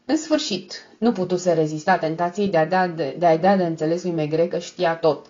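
A woman narrating a novel as an audiobook in a steady, measured read. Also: on the low side, muffled recording. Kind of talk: scripted narration.

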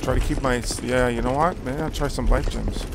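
A man giving profane, reactive commentary while playing a video game, swinging from low mutters to loud disbelief. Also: steady tone, brisk, noisy background. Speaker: let's play commentator.

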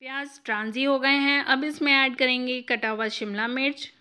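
Bright-voiced woman narrating a recipe. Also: sits high, fairly even intonation, normal speed. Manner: clear step-by-step instructive. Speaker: cooking channel host.

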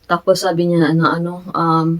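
A woman's voice: fairly low pitch, brisk, low-quality recording. A woman from the Philippines with a Filipino accent, telling a story in a casual vlog, switching between Tagalog and English as she retells her conversations. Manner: grows animated and emphatic. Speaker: vlogger.

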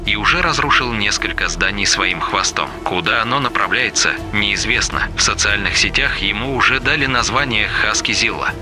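A man's voice: fairly low pitch, expressive, moderate pace, few pauses, over music, close to an everyday voice. A man playing a serious TV newsreader delivering a scripted bulletin. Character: serious male TV newsreader reporting a monster.

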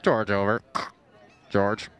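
Man calling slowly over a two-way radio. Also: on the low side, steady tone, a bit bright, smooth, some chatter behind. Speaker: field reporter. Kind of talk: comic field report.

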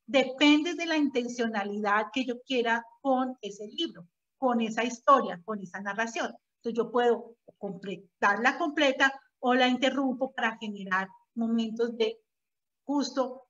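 A woman, a preschool teacher explaining her ideas in an interview and telling anecdotes from her classroom. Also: a little high. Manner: explanatory, uses personal anecdotes. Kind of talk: conversational interview. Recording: dull lo-fi audio.

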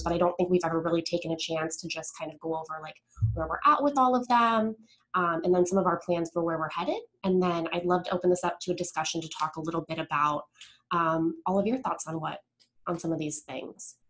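Hosting a community meetup on a video call from somewhere indoors, a developer marketing presenter talks informally and cheerfully. She has a lowish, steady voice and talks fast, and the recording quality is low.

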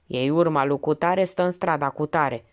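A woman's voice: low-pitched, lightly acted. Woman doing a sly slangy crook guy confessing, audiobook read. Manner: slangy, colloquial. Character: petty male criminal informant, coarse and sly.

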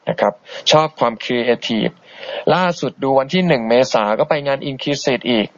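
A man hosting an internet radio show, chatting politely and easygoingly as he reads out and answers listener messages. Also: unhurried. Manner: easygoing and polite, chatty, soft-spoken asides. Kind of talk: casual radio chat reading listener messages. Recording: dull, boxy low-bitrate internet radio stream.

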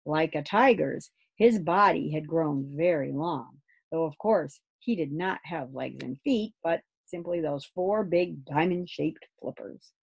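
Storyteller: woman, low and husky voice, gentle and expressive read-aloud. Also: measured pace, highs cut off. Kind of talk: children's book read aloud.

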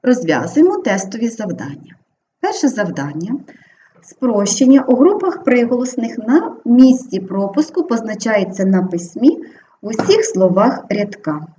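A Ukrainian woman teacher giving an exam-prep grammar lesson, clearly and slowly drawing out each example word. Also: a little high, big pitch swings, warm tone. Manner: clear, deliberate, drawn-out spelling of example words. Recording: slightly dull lo-fi audio with faint background hiss.

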